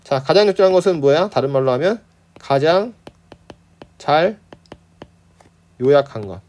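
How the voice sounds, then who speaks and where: Man, exam tutor, animated pitch, casual lecturing, keeps checking "right?". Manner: chatty, keeps asking "right?", reads answer choices then scoffs at them; acts out characters in quick playful asides. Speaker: Korean literature tutor.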